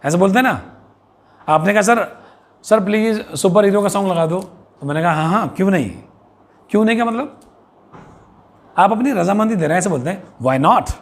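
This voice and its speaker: A man with an Indian accent teaching English phrases to children and parents, repeating each one slowly and asking the viewer questions. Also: high-pitched. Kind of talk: bilingual vocabulary lesson for young children and parents.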